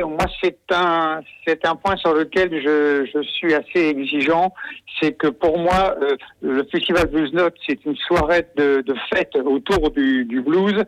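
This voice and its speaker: A man organizing a music festival talks with eager enthusiasm, stumbling and restarting often. His voice sits a touch high and sounds dry and close to the mic. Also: no room sound, poor audio. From Normandy, France. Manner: enthusiastic, warm about musicians, frequent hesitations. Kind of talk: radio interview.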